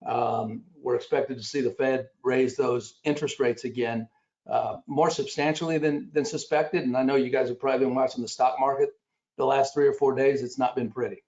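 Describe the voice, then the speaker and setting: A man with a raspy voice giving a conference presentation, pausing often with fillers as he reads statistics off his slides. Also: medium pitch, fairly even intonation, a little mellow. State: raspy after illness. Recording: dull lo-fi recording.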